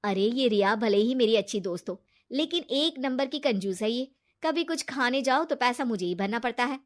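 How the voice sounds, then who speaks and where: A sly young woman schemer, as a woman narrator puts her on, coaxing her friend in a sweet but calculating way. The voice sits high. It is a storybook tale told by a single narrator. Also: expressive, moderate pace, natural voice. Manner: coaxing, persuasive, fake tears.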